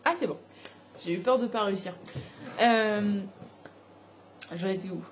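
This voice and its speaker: A young woman telling a personal story in a casual, animated way, with slang and frequent laughter. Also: mid-range voice, unhurried, a little hiss or hum. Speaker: vlogger.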